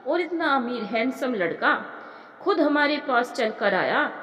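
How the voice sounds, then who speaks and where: A chatty, easily impressed college girl, as a woman narrator plays her, pleading and gushing in a high, slow voice. The sound rings out with a long, echoey reverb. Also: lively intonation, fairly bright tone.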